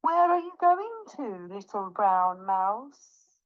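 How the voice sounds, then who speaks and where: A woman voicing a sly, sweet-talking but cowardly male snake in a children's storybook, with drawn-out exclamations. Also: medium pitch, very animated, phone-quality sound. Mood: coaxing, curious. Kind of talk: children's storybook read aloud.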